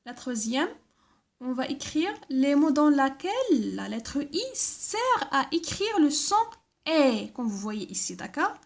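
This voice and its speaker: A woman's voice: sits high, very animated, gravelly. A woman teaching a primary school class, reading instructions and spelling out letters and sounds, often checking with "d'accord?". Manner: slow, careful, repeats words and letters, frequent "d'accord?".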